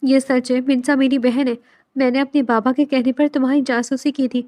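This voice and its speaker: Desperate young woman, tearful and pleading, high voice, read by a woman narrator. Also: flat delivery, dark tone, no echo, close to an everyday voice.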